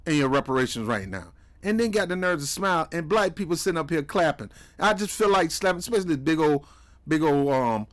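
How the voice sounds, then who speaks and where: Scornful man ranting in commentary. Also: a little high. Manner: scornful, preachy, mocking. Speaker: commentary host reacting to clips. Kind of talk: heated political commentary.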